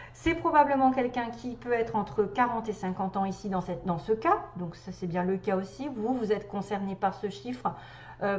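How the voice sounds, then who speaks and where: A woman's voice: mid-range voice, darkish tone. A woman doing a casual tarot card reading for viewers, thinking aloud and chatty as she turns each card. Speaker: tarot reader. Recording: echoey room, dull lo-fi sound.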